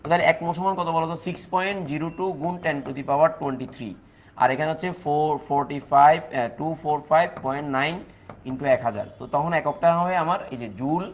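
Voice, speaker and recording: Speaking at a moderate pace in a voice on the high side, a man with a Bangladeshi Bengali accent teaches a live online chemistry class, with slight background noise present. He goes over key points more than once, responds to comments from viewers, and solves calculations step by step.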